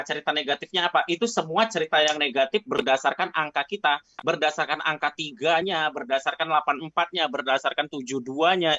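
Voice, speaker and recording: Slightly high, pushed and bright, this man's voice reaches us over an online call line that drops out, captured by a remote call mic in dull, dry audio. He's a guest expert answering questions in a chatty, casual manner, frequently closing phrases with a casual tag.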